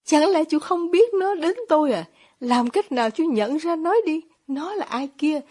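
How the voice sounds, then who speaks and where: A woman voicing an intense, tormented young man with sharp outbursts and stammered questions, read as an audiobook. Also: on the high side, animated, normal speed. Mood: frantic. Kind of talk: audiobook reading of dialogue.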